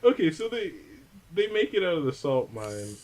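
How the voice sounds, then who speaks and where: A man's voice: fairly high pitch, big pitch swings, moderate pace, a little mellow, poor audio. A young man co-hosting a casual podcast movie discussion, exasperated, swearing and leaning on "like" as he retells scenes. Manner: exasperated, swearing, filler 'like'. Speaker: podcast co-host.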